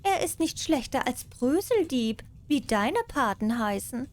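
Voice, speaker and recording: Lady doing a sneaky greedy fairytale cat, high voice, kinda curt and brazen. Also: sing-song, measured pace, darkish tone. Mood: dismissive. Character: sly, greedy female cat, curt and scheming.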